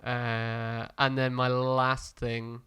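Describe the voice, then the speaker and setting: A man co-hosting a podcast, talking in a loose, rambling way full of ums and restarts. His voice is bright and forward, with a smooth, clean timbre. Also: mid-range voice, completely flat delivery, very slow. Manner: rambling, hesitant, full of fillers. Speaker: podcast co-host. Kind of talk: casual chat.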